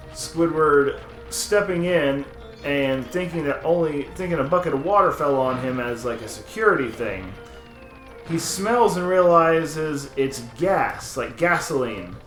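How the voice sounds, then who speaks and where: Higher-voiced man recapping scenes, echoey room. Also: slow, faint music behind. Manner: animated storyteller retelling scenes. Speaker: gaming co-host. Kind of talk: casual chat while playing. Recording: echoey room with faint noise.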